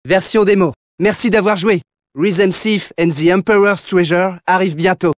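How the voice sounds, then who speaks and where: A man's voice: high-pitched, fairly even intonation, measured pace, no echo, clean studio sound. An actor playing a plucky young male phantom thief in a French video game dub, cocky yet loyal, with a theatrical, showy delivery. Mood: composed. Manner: theatrical, showy, punchy catchphrases.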